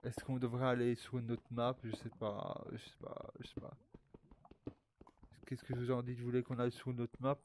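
A man's voice: mid-range voice, completely flat delivery, a little fast, few pauses, a little mellow, slight background noise. A young man, rambling casually to his viewers while playing a VR game, swearing often. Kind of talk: casual gaming commentary.

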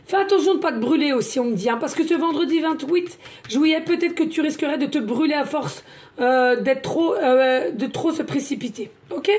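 A woman talks through a tarot card reading. She is chatty, repeats words and fills pauses as she goes. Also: high voice, a little mellow. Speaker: card reader, medium.

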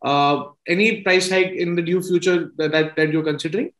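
Indian interviewer, roomy off-mic call audio. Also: male voice, a little high, fairly even intonation, moderate pace, a bit bright, distant mic. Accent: Indian English. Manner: hesitant questions full of fillers. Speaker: interviewer, associate editor. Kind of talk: business news interview. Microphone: video call.

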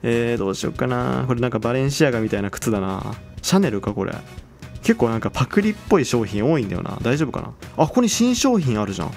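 Young guy hosting a game video, chatty and excitable, voice jumps up and down, faint music under him. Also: mid-range voice, fast, gravelly. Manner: chatty, excitable, exclaims over items. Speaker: game channel host. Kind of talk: casual game commentary.

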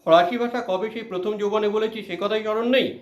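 A man's voice: high-pitched, fairly even intonation, brisk, echoey room. A man teaching a literature class, reading a passage aloud and then explaining it line by line with frequent fillers. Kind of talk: line-by-line text explanation lesson.

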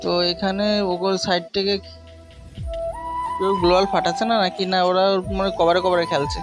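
A man's voice: sits high, little pitch movement, a little fast. A man giving informal gameplay commentary, talking straight to his viewers and muttering to himself as he plays. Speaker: gaming video creator. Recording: music behind the voice. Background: music.

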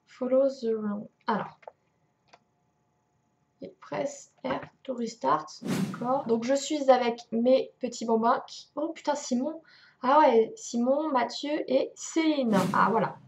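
A young woman talks over her gameplay in a high, bright register. She curses freely and laughs at her own failures, exasperated but joking. The recording sounds dull and lo-fi. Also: slow, vocal fry, slight background noise. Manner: swears often, exasperated and self-mocking. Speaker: gaming youtuber. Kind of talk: let's play commentary.

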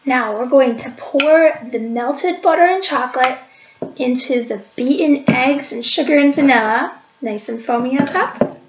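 A woman hosting a library cooking show talks through each step of a cooking demo at home, her high-pitched voice unhurried. The webcam across the counter picks up an echoey kitchen with dull lo-fi sound and slight background noise.

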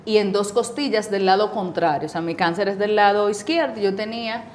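A woman in her forties with a Dominican accent, a cancer survivor appearing as a guest in a casual interview, tells her story fairly quickly in a mid-range voice. She's a lively storyteller who acts out the voices of the people she quotes. There is slight background noise.

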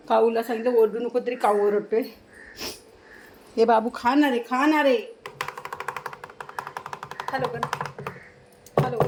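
A woman with a high voice chats in a casual home vlog. She coaxes her pets in soft, repetitive baby talk. Loud background noise and passing vehicles run under her voice. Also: poor audio. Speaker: vlogger.

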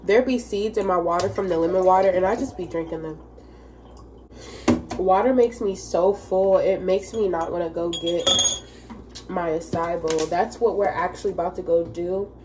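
A woman's voice: lowish voice, moderate pace. A young woman talks casually to her phone camera, loose and friendly, as if chatting with friends. She sounds a little stuffed up from sneezing, and a faint background noise sits under her voice. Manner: chatty, loose and friendly, talking straight to viewers. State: congested from sneezing. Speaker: vlogger. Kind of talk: casual vlog chat to camera.

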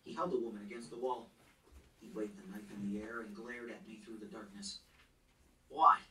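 A man's voice: on the low side, steady tone, brisk, a little hiss or hum. A man reading a novel aloud in the first person, in a tense, earnest storytelling manner. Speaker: audiobook narrator. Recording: roomy echo, distant mic, faint ambience.

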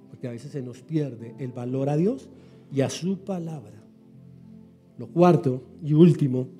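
A middle-aged man preaching a sermon as pastor, swinging from loud exhortation to quiet asides and acting out story voices. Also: fairly high pitch.

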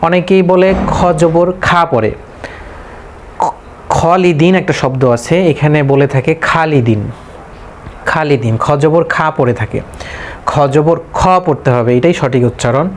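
A man with a Bangladeshi Bengali accent teaching a tajweed lesson, repeating letters one by one in a slow, patient drill. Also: on the high side, slight background noise. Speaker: Quran recitation teacher.

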